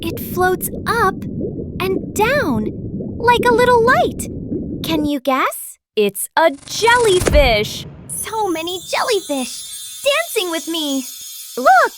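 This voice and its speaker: A woman's voice: very high voice, very animated, slow, background noise, exaggerated voice. A woman voicing a cheerful young female sea captain who guides small children through a cartoon, gushing and sing-song with lots of exclamations. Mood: bubbly excited. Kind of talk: cartoon narration for toddlers. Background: loud children's music.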